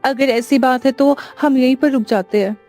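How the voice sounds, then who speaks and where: A woman voicing a caring young village mother who speaks softly and reassuringly. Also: high-pitched, steady tone, moderate pace, faint music behind, close to an everyday voice. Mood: gentle. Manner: soft, reassuring.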